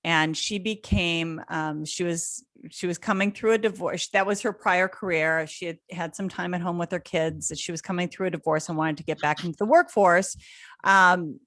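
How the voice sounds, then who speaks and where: Woman, middle-aged, lowish voice, brisk webinar co-host, dry close sound. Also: steady tone, fairly bright tone, dry recording. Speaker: career coach co-hosting a webinar. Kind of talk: reading chat comments aloud.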